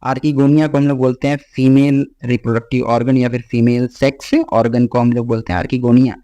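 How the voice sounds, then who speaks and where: A young man teaching a biology lesson, slowly reading English textbook lines and explaining them in a lecture voice, often checking in with "theek hai". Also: mid-range voice, flat delivery, dark tone, dull audio. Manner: mixes Hindi and English, reads English lines slowly then explains; frequent "theek hai" fillers, addresses students directly.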